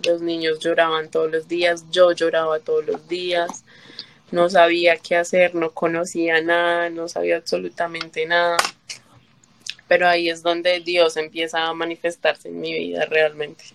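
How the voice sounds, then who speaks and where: A woman from Colombia tells her personal story as an interview guest, her voice slightly low. She talks in halting runs, restarts often, and acts out what others said to her. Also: completely flat delivery, creaky, a little hiss or hum. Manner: halting, with fillers and restarts, quotes herself and others. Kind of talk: emotional personal testimony.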